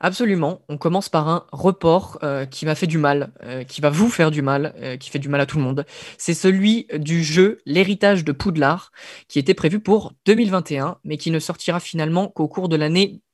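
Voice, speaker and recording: A man's voice: a little high, normal speed, no echo, studio quality. A man presenting video game news on a radio show in a casual, hesitant way, with lots of fillers and wry asides.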